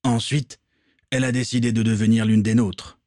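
A man voicing a calm, commanding pirate captain in a read-aloud story. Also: mid-range voice, moderate pace, no echo, clean studio sound, pitched above the performer's own voice, lightly acted. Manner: steady, commanding.

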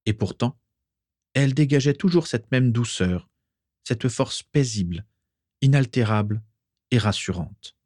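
A man narrating a story in a calm, measured reading voice. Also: mid-range voice, no room sound, studio quality. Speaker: audiobook narrator.

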